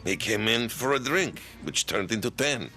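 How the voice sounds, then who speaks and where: A gravelly nervous mob driver. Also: male voice, mid-range voice, animated, normal speed, pushed and bright. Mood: confessing. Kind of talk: video game cutscene acting.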